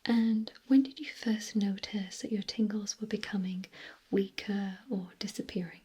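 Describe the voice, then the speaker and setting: A woman in a whispered role-play as a clinic examiner, speaking gently in a breathy, unvoiced whisper. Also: mid-range voice, fairly even intonation. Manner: slow, gentle, softly questioning. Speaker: ASMR performer playing a clinic examiner.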